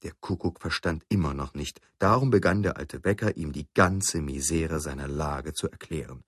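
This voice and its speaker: A man narrating a children's story in an expressive storytelling manner. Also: very deep voice, moderate pace, husky, dry recording, clean studio sound.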